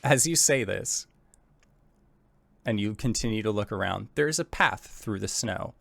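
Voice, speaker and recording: Low, creaky-voiced man narrating. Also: expressive, normal speed, fairly bright tone, no room sound. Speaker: game master. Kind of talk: improvised descriptive tabletop game narration.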